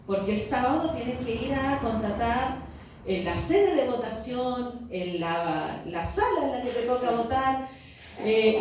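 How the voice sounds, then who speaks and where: A woman's voice: on the high side, a little mellow, a little hiss or hum. Woman testifying in an echoey church. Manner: storytelling, acting out dialogue with rhetorical questions. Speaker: church speaker giving testimony. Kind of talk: sermon testimony. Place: church hall. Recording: echoey church hall, voice from far off.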